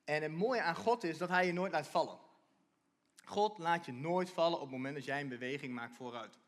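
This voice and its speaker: A man preaching a sermon, lively, often repeating and restarting phrases and reading scripture aloud. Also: on the high side, fairly quick.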